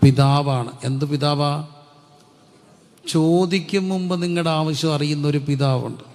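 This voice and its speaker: A middle-aged man preaches a Pentecostal sermon, throwing repeated questions at his congregation and answering them himself. His voice has a gravelly edge, and it rings out with a long reverb in a big hall. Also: on the high side, unhurried, a little mellow. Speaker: pastor.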